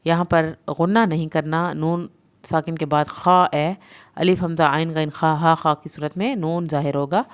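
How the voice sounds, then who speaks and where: A woman teaching Quran recitation. She recites slowly, then explains each sound patiently, step by step. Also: low-pitched, smooth. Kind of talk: tajweed lesson, slow chanted recitation then spoken explanation.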